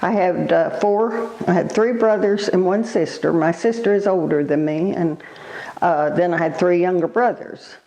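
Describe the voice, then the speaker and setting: An elderly woman reminisces in an interview in a halting, unhurried way, pausing as she recalls. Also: lowish voice, warm tone, low-quality recording. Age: elderly, born 1936. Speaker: oral history interviewee.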